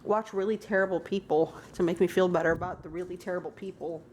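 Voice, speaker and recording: A woman's voice: fairly low pitch, steady tone, fast, darkish tone, a little hiss or hum. A woman vlogging casually, rambling and emotional with lots of fillers. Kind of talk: casual vlog. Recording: echoey room.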